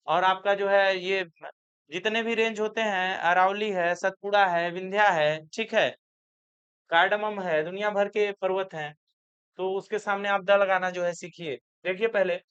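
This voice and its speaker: A man teaching an exam grammar lesson, explaining slowly and repeating key words, then asking the class questions back. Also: high-pitched, fairly even intonation, a bit bright, clean tone. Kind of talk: board exam grammar lecture. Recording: slightly dull lo-fi recording.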